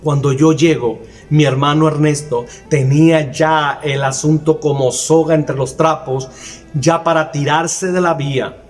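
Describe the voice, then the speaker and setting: A man preaching a sermon, earnestly telling a personal testimony and repeating phrases for emphasis. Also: fairly high pitch. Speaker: minister.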